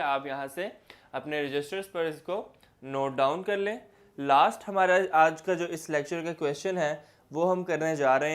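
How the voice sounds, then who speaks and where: Young male teacher, a touch high-voiced, patient repetitive lecture delivery. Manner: explains step by step, repeats key words. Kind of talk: classroom lecture.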